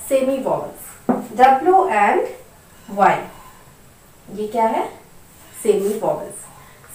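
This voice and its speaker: A woman's voice: a little high, distant mic. A woman teaching English grammar, patiently repeating words and asking learners questions as she goes. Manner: asks rhetorical questions. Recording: echoey room, voice from off the mic, faint noise.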